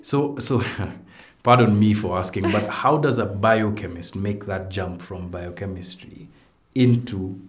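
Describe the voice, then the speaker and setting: A man hosts a relaxed interview in a very deep voice. He asks probing questions in a playful way and talks with plenty of fillers and restarts. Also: unhurried. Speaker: talk show host. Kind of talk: conversational interview.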